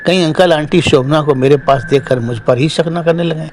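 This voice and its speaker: A man's voice: on the high side, fairly quick, slight background noise. Man narrating a horror story. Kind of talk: scripted first-person narration.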